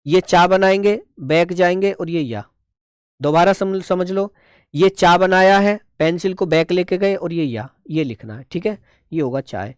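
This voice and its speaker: A man's voice: sits high, measured pace, clean tone, no room sound, clean studio sound. A man teaching a shorthand class, explaining each stroke step by step and checking in often. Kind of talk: online class lesson.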